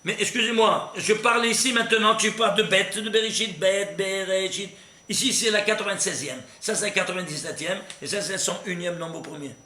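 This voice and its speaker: A man teaching a recorded Torah class, animated and constantly quizzing his listeners with questions. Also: high-pitched, a little fast. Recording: echoey room with faint noise.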